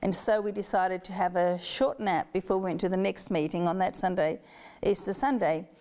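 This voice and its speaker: Woman guest, from Yugoslavia, gravelly and dark-toned, animated storytelling. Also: on the low side, moderate pace. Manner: animated storyteller, acts out voices in quotes. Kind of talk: storytelling interview.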